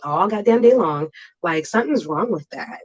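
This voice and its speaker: A guest on a livestream talks casually in a mid-pitched voice. The delivery is blunt and slangy, with swearing and repeated phrases for emphasis. The recording is dull and lo-fi. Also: expressive, moderate pace, breathy edge. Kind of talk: casual chat.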